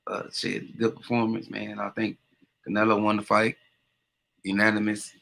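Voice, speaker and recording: A man's voice: on the low side, monotone, normal speed, gravelly, fairly bright tone. A man co-commentating on a boxing stream, giving casual post-fight verdicts in terse, blunt, slangy phrases.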